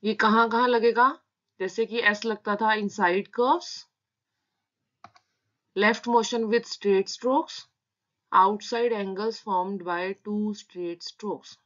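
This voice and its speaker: A woman's voice: medium pitch, steady tone, fairly bright tone. A woman teaching shorthand in a tutorial, patiently breaking words into their sounds. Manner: slow, patient, spelling out sounds. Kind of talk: step-by-step tutorial explanation. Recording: dull lo-fi sound.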